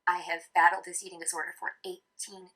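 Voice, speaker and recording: Fast, bright-voiced woman in her thirties. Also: fairly low pitch, level tone, rough recording. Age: 30s. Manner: earnest, confiding. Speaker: vlogger. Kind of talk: candid personal monologue.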